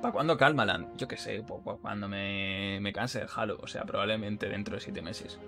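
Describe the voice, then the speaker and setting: A man's voice: lowish voice, fairly even intonation, normal speed, vocal fry, music in the background. A man with a Madrid Spanish accent giving casual, rambling commentary while streaming a game, full of self-mocking jokes. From Spain. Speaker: gaming streamer.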